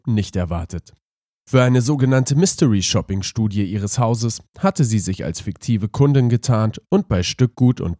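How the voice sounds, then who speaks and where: Male podcast narrator, congested with a cold, mellow tone, scripted magazine report, very dry close sound. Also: fairly low pitch, no echo. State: has a cold. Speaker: podcast host.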